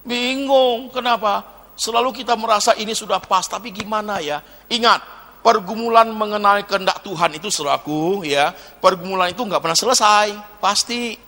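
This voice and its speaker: A man preaching a sermon as pastor, animated, swinging from quiet asides to loud exhortations. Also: sits high, moderate pace. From Indonesia. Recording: long hall reverb.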